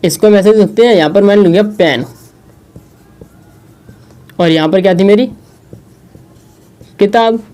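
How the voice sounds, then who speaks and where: Male teacher, mellow tone, rhetorical question-and-answer style, patient board lesson. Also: high-pitched, faint music behind. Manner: asks questions and answers them himself; slow, repetitive explaining.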